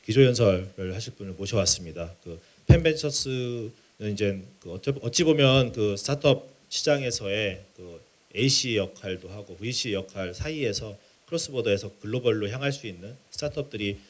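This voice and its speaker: A man with a fairly low voice hosts a formal event. He introduces the next speaker politely in long, wordy sentences, searching a little for his phrasing. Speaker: event host.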